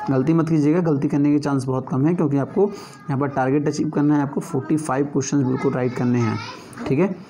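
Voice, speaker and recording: A man's voice: on the high side, dark tone, a little hiss or hum. A man teaching an exam-prep lesson, working through reasoning questions one by one and often checking in with his students.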